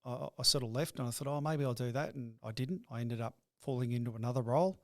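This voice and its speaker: In clean, echo-free studio sound, a middle-aged man who owns a business reflects on his life in an interview. His voice is mid-range with a darkish tone, and his speech is halting, with words repeated whenever he starts a sentence.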